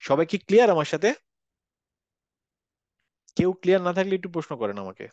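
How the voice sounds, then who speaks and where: A man's voice: sits high, sing-song, fast talker, a little mellow, no echo, muffled recording. A man teaching a Quran recitation class online, patiently repeating examples and checking that students follow. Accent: Bangladeshi Bengali.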